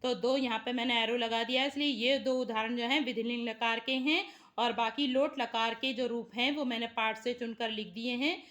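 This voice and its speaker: A woman teacher giving a lesson, reading out each word slowly and then explaining what it means. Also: a little high, fairly even intonation, a bit bright. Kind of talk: slow classroom lesson.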